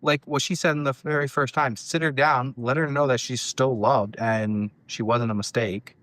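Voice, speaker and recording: A man's voice: medium pitch, fairly even intonation, moderate pace, fairly bright tone, no echo. A man co-hosting a podcast, chatting casually about online stories and teasing with sarcastic jokes. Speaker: podcast co-host.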